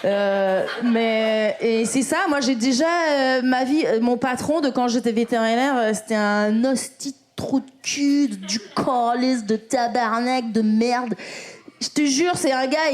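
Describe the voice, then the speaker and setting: French woman, late 30s, stand-up comic, lively crowd-work delivery, a little high-pitched. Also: measured pace. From France. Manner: animated, chatty, crowd work, swears freely. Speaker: stand-up comedian. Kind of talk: live stand-up set. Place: comedy club stage.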